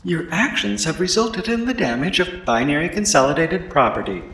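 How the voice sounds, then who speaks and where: A man doing a flat computerized hunter drone. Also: on the high side, normal speed, echoey room, voice pushed up, rough recording. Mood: menacing. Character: cold corporate hunter drone robot.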